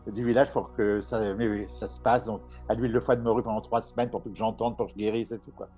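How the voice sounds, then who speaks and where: Chatty man with a dark, mellow voice. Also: on the low side, flat delivery, quick pace, faint music behind. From Paris. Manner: chatty storyteller, laughs often, many restarts. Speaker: medium and author, interview guest. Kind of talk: casual conversational interview.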